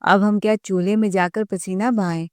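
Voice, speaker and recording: A woman's voice: medium pitch, steady tone, moderate pace, a little mellow, no room sound, natural voice. A woman voicing a spiteful, spoiled young sister-in-law who taunts and sulks. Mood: taunting. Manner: taunting, sulky.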